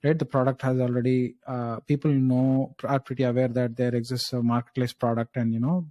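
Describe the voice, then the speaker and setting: A man speaking as a job interview candidate, thinking aloud through structured answers with hesitant pauses and frequent checking tags. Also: medium pitch, flat delivery, warm tone, no room sound.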